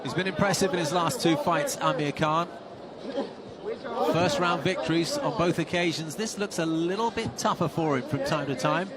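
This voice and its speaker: A man giving live play-by-play fight commentary in measured, wordy phrases. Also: on the high side. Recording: loud arena crowd and noise. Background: crowd and arena noise.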